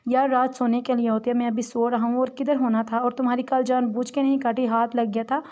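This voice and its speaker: A woman's voice: on the high side, flat delivery, fairly quick, mellow, lightly acted. A woman voicing a sleepy, easygoing young man placating a caller.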